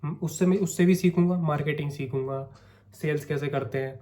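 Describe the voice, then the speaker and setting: Brief: young man, hoarse throat, slightly high but mellow voice, casual coaxing vlog talk. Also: fairly quick. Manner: chatty, coaxing, keeps saying "theek hai". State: sore throat, coughing. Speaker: vlogger. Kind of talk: casual talking-to-camera vlog.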